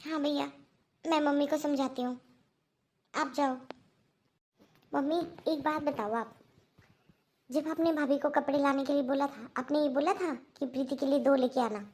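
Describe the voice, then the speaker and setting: An earnest young married daughter in a family cartoon, voiced by a woman, lecturing her mother patiently and firmly. Her voice sits high and bright. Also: fairly even intonation, moderate pace, long pauses. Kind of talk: Hindi cartoon dubbing.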